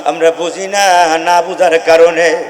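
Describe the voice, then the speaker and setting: A man preaching a sermon, chanting verses and rising into shouted, tearful appeals. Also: a little high, level tone, slow, a crowd in the background. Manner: chanting Quranic verses, then shouting and crying in emotional peaks. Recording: echoey hall with long reverb.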